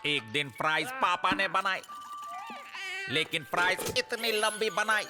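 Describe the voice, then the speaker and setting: A man's voice: high-pitched, animated, normal speed. A man voicing a timid prison warden in a Hindi cartoon dub who stammers when frightened. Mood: recalling. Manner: stammering, fearful. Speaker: voice actor. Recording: music playing behind.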